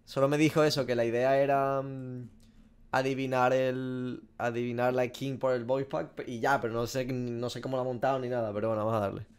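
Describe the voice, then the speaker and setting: A gaming streamer in his twenties with a Spanish accent from Spain reacts casually out loud over a quiz, using slang and swearing. His mid-range voice is fairly quick, flat in delivery, and clean in tone, recorded indoors at a desk in a small room.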